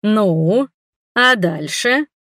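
A cranky, lecherous old male appraiser, voiced by a woman reading a fantasy audiobook. He grumbles and snaps in a slow, testy drawl. The sound is close and dry. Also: medium pitch, animated, fairly bright tone, no echo, exaggerated voice.

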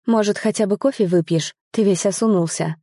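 A woman voicing a caring middle-aged stepmother who speaks in a gentle, sympathetic way. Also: mid-range voice, a little fast, no room sound, studio quality, pitched above the performer's own voice, lightly acted.

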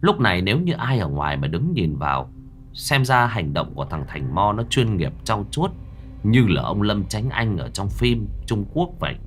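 A man's voice: fairly low pitch, sing-song, normal speed, slight background noise. A man narrating a horror story in the first person with dramatic, vivid delivery.

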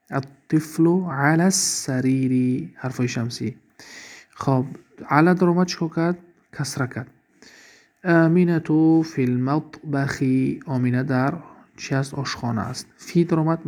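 A man teaching an Arabic grammar lesson, reading example sentences slowly and then asking and answering his own questions. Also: fairly high pitch, a little mellow.

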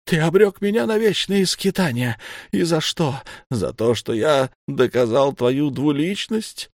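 A man voicing an old, bitter male sorcerer who shouts and hisses with hatred. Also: a little high, animated, a little slow, dry recording, studio quality, voice pushed up. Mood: furious. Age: older.

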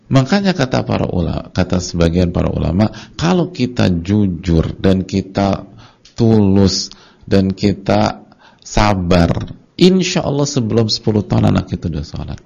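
A man giving a casual, colloquial religious lecture, telling lively stories and acting out short dialogues. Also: lowish voice, normal speed, creaky, slightly rough. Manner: colloquial and conversational. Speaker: Islamic preacher. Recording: dull lo-fi lecture recording.

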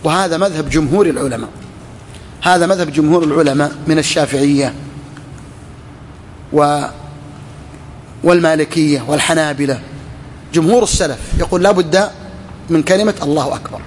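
In a faint hum of background noise, a man with a fairly high voice and a touch explains a legal text in a brisk, rapid delivery. He repeats key phrases, asks and answers his own questions, and stretches out words when demonstrating pronunciation. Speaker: sheikh teaching a fiqh text. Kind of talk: explaining a classical text to students.

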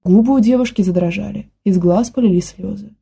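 Woman narrator, calm audiobook reading, dark and husky. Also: medium pitch, fairly quick. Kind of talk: scripted narration.

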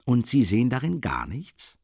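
Man voicing a mocking investigating judge, lively swooping pitch, dry close studio sound. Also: moderate pace, gravelly, no echo, full character voice. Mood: insinuating. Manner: low, soft, chuckling, insinuating. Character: older male investigating judge, sly and mocking. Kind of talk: audiobook character voice.

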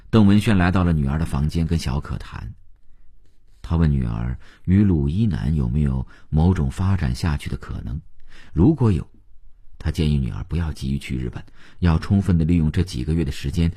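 Husky middle-aged male narrator for an audiobook; dark, mellow tone, expressive reading. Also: extremely low pitch, moderate pace. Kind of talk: audiobook storytelling.

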